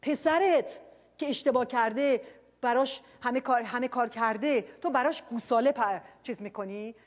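Woman doing a resentful older brother, loud indignant complaint, husky, fairly high. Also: in a large hall.

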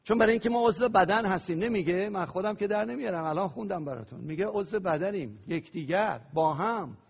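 A pastor preaching a sermon, praying aloud and leading the congregation in call-and-response. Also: male voice, sits high, animated, vocal fry, slightly rough. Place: church hall. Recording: dull lo-fi sound with long hall reverb.

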